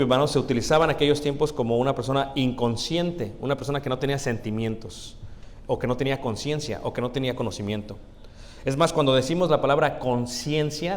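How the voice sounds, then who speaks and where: A male preacher gives a folksy, conversational sermon, calling the congregation brothers and asking them questions. His mid-range voice rings out with a long reverb from the church hall. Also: medium pitch. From Mexico. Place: church sanctuary.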